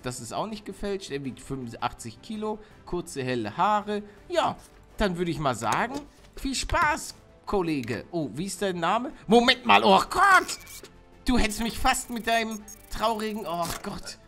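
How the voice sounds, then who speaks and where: A man's voice: fairly high pitch, a bit bright. A man with a German accent giving jokey let's play commentary, reading game text aloud. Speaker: gaming YouTuber.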